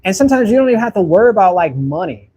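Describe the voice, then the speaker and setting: A man's voice: sits high, big pitch swings, rapid-fire, dark tone, husky. A man in his thirties chatting casually while painting, answering viewers' comments in a rambling, friendly way and repeating words as he thinks. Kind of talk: casual live-stream chat while painting.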